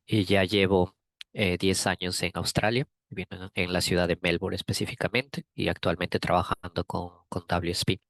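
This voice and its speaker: Man from Peru, webinar speaker, low voice, gravelly, measured delivery with fillers. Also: flat delivery, a bit bright, no echo. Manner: measured, with frequent fillers and restarts. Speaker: guest speaker. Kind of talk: technical webinar talk. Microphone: video call.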